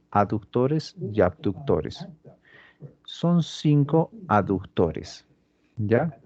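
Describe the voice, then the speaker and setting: A man teaching anatomy over a dissection in a slow, deliberate way, constantly checking that the students follow. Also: lowish voice, warm tone, dull audio. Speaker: anatomy instructor. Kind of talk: lecturing during a dissection demonstration.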